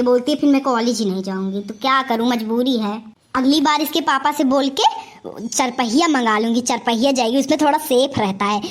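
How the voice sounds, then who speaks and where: A woman's voice: sits high, natural voice. A woman with an Awadhi-tinged Hindi accent voicing a doting, gullible mother in a cartoon comedy, fussy and nagging. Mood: worried. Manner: fussy and nagging, keeps asking "theek hai?". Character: doting, gullible middle-aged mother with favoritism.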